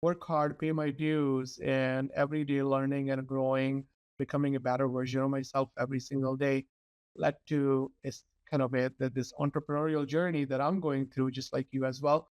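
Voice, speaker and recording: A man's voice: medium pitch, level tone, normal speed, darkish tone, clean tone, lo-fi sound. A man who hosts a business podcast, asking loosely phrased questions and responding appreciatively, a first-generation immigrant himself. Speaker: podcast host. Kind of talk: conversational interview.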